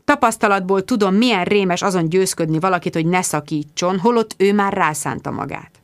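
Female audiobook narrator, expressive first-person voice, dry booth sound. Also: on the low side, dry recording. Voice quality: lively, expressive reading.

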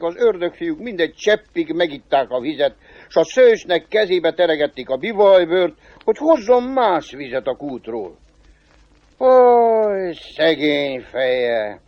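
Man telling an old folk tale, fairly high voice, dull dry recording. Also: no room sound. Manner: lively, shifting pace and pitch. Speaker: storyteller.

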